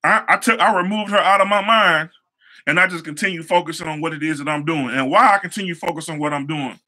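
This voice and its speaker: Speaking fast in a high, very bright and sharp voice, a young show host and hair stylist gives a motivational talk built on his life stories. He keeps it casual, repeating his phrases and using relaxed slang.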